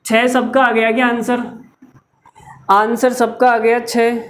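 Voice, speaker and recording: A man teaching maths in a lively lecture, chatting with his viewers and teasing them as he works through the problems. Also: extremely high pitch, takes it slowly.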